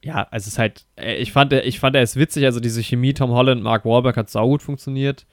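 A man's voice: medium pitch, fairly even intonation, fast talker, dry recording, studio quality. A man chatting casually while reviewing a film on a podcast, rambling with many fillers and restarts and enthusiastic slang.

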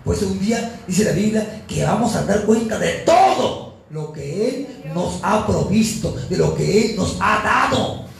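A man's voice: high-pitched, animated, measured pace, gravelly. A man preaching a sermon as pastor, telling his story with fervor. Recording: echoey church room with faint noise.

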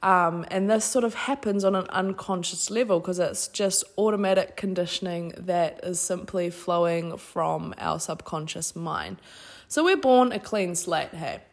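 A woman's voice: fairly low pitch, a little slow. A woman with a New Zealand accent hosting a podcast, giving an informal, effusive spiritual self-help talk. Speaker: podcast host.

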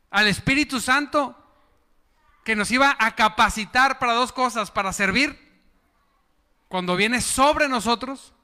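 A pastor preaches a sermon, urging the congregation to repeat his words and applaud in call-and-response. His voice sits high, sharp yet clear and resonant, with a big-room sound.

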